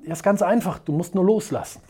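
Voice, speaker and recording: A coach voicing a small fluttering angel who offers help in a soft, coaxing way, inside a spoken parable. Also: mid-range voice, quick pace, slightly rough, voice pushed up, close to an everyday voice.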